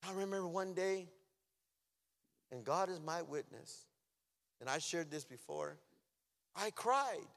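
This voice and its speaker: A man giving an emotional personal testimony, swinging from loud outbursts to near-whispers. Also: a little high, lively intonation, a little slow, vocal fry, pauses often. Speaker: testimony speaker. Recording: long hall reverb.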